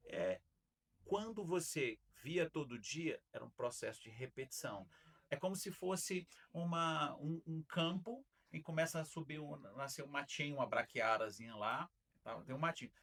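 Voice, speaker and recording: A man from Brazil, a trainer and podcast guest, explaining calmly with homely examples. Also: on the high side, normal speed. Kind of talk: explaining in a conversation.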